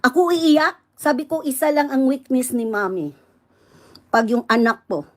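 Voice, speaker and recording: Galit na Bisayang babae, mataas boses. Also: female voice, a little high, lively intonation, moderate pace. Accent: Visayan. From Visayas, Philippines. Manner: loud indignant ranting, mixing English in. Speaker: online seller livestreaming. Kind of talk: angry livestream rant.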